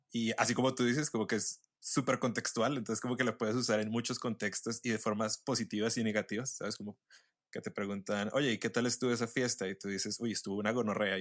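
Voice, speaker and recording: A man hosting a podcast, asking playful questions in an easygoing way. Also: lowish voice. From Colombia. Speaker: podcast host. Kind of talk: casual chat.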